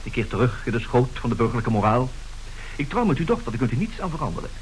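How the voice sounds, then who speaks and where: In a radio play, an actor portrays a glib, brazen swindler and seducer of women, cool in mood and theatrical as he swings from cool bargaining to florid pleading. His medium-pitched voice is sing-song and quick, lightly acted, in a roomy radio drama recording with slight background noise.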